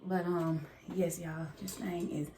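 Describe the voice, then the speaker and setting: A woman's voice: on the low side, level tone, unhurried. Folksy woman preaching to her viewers, echoey. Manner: preachy, folksy, calls viewers baby and y'all, laughs often. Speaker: motivational vlogger. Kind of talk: casual motivational talk to camera. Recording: echoey room with faint noise.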